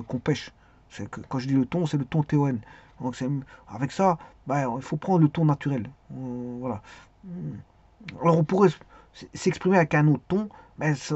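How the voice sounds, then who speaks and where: Hesitant man teaching, husky dull sound. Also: fairly high pitch, a little mellow, no room sound. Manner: hesitant, many fillers and restarts, repeats key words. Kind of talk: spoken lesson on speaking skills.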